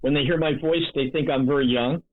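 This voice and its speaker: A man in his seventies from North Jersey, a guest in an interview, telling stories in an energetic, chatty way. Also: on the high side, fairly quick. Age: 70s. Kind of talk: interview conversation. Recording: tinny phone-like line.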